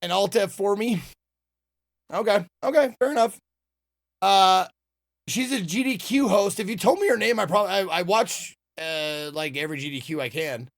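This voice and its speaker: A man's voice: sits high, moderate pace, no echo, clean studio sound. A man giving informal, jokey let's play commentary as a game streamer. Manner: informal, jokey, reacts and reads dialogue aloud. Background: game music.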